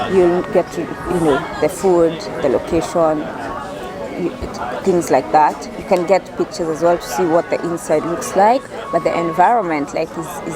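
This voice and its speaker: A woman chatting casually and ramblingly as a solo food review vlogger, telling things like stories to a friend. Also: low voice. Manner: chatty, rambling storytelling with frequent 'like' and 'you know'. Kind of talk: casual vlog chat. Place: busy cafe in a shopping center. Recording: busy public crowd chatter behind voice.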